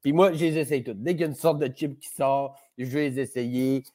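A man's voice: mid-range voice, steady tone, fairly quick, warm tone. A man with a Québécois French accent, a podcast guest chatting casually, rambling and playful, swearing freely. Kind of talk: casual conversation.

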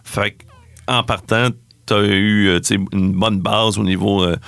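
A low, gravelly man asks questions as an interviewer. He talks with lots of hesitant fillers and small jokes. The recording is dry and close. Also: flat delivery, a little slow, a bit bright, no room sound. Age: 40s. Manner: hesitant, filler-heavy, joking. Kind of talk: casual interview.

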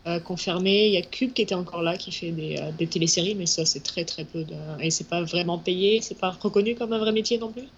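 A woman's voice: lowish voice, a little fast, hardly any pauses. Woman w french accent from france, casual interview chat, kinda muffled sound, bit of noise. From southwest France. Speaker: interview guest, animator. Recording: muffled, faint background noise.

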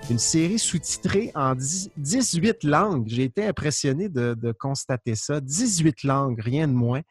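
A man, hosting a podcast and introducing his guest in a friendly, lively way. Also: a little high, measured pace, husky, soft background music. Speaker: podcast host. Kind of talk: podcast interview.

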